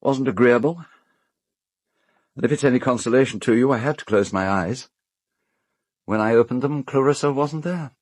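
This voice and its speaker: Cold and intense, a British actor delivers an urbane, self-justifying gentleman's lines in an audio drama with measured, articulate, dry irony. His medium-pitched voice sounds natural, and the recording is dry.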